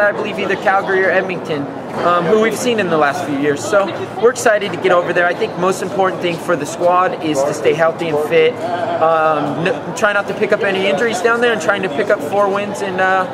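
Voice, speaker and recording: Young man, high voice, roaring crowd. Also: fairly even intonation, fairly quick. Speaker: soccer player. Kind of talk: postgame interview. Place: indoor arena after a game. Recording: loud crowd in an arena. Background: crowd noise.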